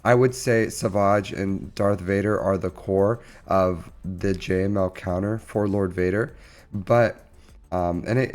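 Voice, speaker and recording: The host of a gaming channel, a man who sounds under the weather, gives casual, halting commentary on gameplay. His voice is on the low side, with music in the background.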